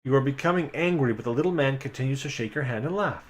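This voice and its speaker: A man's voice: mid-range voice, fast talker. A man streaming a live reading of an adventure gamebook, reading passages aloud and making chatty, wry asides to his chat. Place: home streaming setup.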